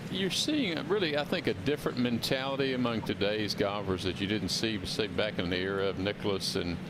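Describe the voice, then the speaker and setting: A man's voice: on the low side, fairly quick, background noise. A man giving explanatory golf analysis in short, emphatic, opinionated phrases.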